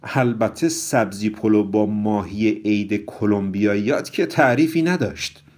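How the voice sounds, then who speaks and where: A man voicing a sarcastic know-it-all who speaks loudly and in a mocking, drawn-out way. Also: fairly low pitch, lightly acted.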